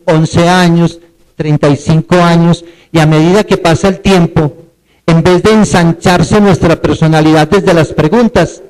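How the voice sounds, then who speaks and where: Male seminar lecturer, slightly high voice, questions the audience and spells words out. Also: darkish tone, clear, resonant tone, poor audio.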